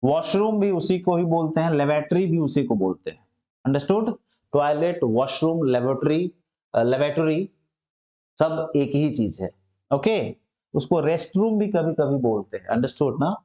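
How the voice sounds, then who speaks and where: A man teaching English vocabulary in Hindi, explaining each word slowly and often checking with "understood?". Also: a little high, animated, dark tone. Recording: echoey room.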